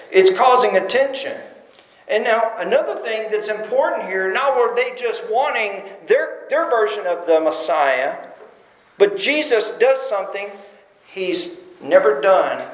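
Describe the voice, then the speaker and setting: A man preaching a sermon as pastor, animated, dropping his voice low for emphasis and acting out the crowd's cries, recorded in a church sanctuary. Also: roomy sound, rough recording.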